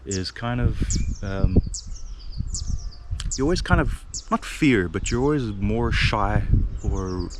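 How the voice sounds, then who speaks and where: Out on his farm, a South African vlogger chats slowly in a lowish voice with lively intonation, wandering through his thoughts, restarting often and filling gaps with filler words. There is a great deal of noise in the audio.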